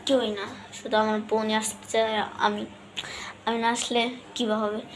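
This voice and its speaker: Young female vlogger, higher voice, flat delivery, rambling casual chat, faint noise behind. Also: moderate pace. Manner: chatty, rambling, counts numbers aloud. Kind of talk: casual vlog chat to viewers.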